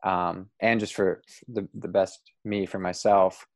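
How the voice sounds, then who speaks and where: A man hosting a podcast interview, talking in a relaxed, rambling way and laughing easily. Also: low voice, takes it slowly, no echo. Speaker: podcast host. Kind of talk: casual interview chat.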